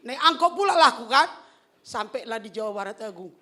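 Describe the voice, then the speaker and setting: A woman's voice: fairly high pitch, expressive, brisk, bright, forceful tone. A woman pastor with a Medan accent, preaching a sermon through humorous stories that often make her laugh. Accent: North Sumatran (Medan). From Medan, North Sumatra.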